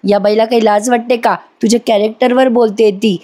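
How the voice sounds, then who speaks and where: An angry middle-aged father-in-law, indignant and demanding, read by a woman narrator. The voice is mellow and a little raised. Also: fairly high pitch, steady tone, brisk, lightly acted. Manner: indignant, shouting at a guest.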